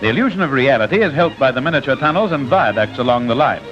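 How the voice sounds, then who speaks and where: A man narrating an old newsreel in a brisk, jaunty scripted manner with wry asides, heard as an old newsreel soundtrack. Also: medium pitch, animated. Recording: dull lo-fi old newsreel film sound with music.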